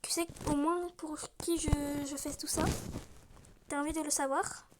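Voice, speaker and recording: A woman's voice: high voice, fairly even intonation, normal speed, background noise, close to an everyday voice. A woman voicing an impatient teenage boy who pleads and sounds exasperated in a storybook read-aloud. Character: impatient teen boy texting his friend.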